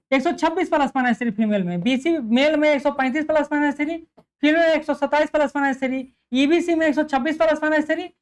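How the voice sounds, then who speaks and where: A man, a coaching teacher giving an emphatic exam analysis lecture and speaking directly to students. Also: extremely high pitch. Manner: emphatic, repeats figures, addresses students directly.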